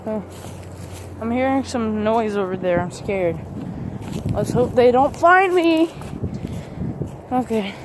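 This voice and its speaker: High-pitched and animated, a man talks through a gender swap voice filter that makes him sound like a woman. He speaks at a slow pace with long pauses, rambling hesitantly with many fillers in a casual vlog from up a tree in the woods, against a noisy background.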